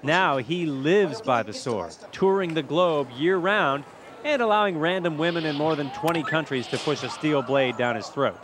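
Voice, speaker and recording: A man's voice: fairly high pitch, normal speed. A man reporting a light TV feature, reading scripted narration in punchy phrases with playful, dramatic build-ups. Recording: crowd chatter and clear outdoor fair noise. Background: outdoor fair crowd and ambience.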